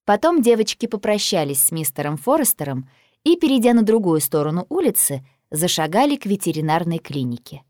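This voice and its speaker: A woman narrating a children's storybook in a lively, expressive reading. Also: lowish voice, fairly quick, dry recording, studio quality. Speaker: audiobook narrator.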